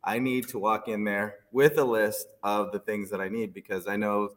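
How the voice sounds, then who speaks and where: A man hosting a casual chat, self-deprecating and quick to laugh. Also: lowish voice, fairly even intonation, long reverb tail.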